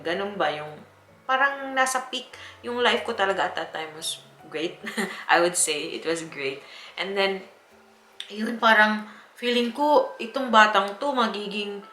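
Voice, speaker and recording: A woman's voice: lowish voice, bright, forceful tone. A young woman from the Philippines, telling a personal story to her viewers in a chatty way with frequent laughs. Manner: chatty, laughing often, with many fillers. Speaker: vlogger. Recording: echoey room.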